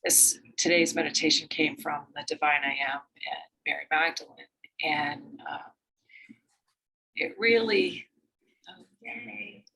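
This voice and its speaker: A woman speaks informally to an online meditation group before guiding them, wandering through her thoughts with frequent fillers. Her voice has a bright, pointed tone and a noticeable vocal fry. She is heard through a video-call microphone. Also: low-pitched, slow pace, a little hiss or hum, poor audio. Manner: rambling and warm in greeting, with many fillers. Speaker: meditation guide. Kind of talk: informal spiritual talk before a guided meditation.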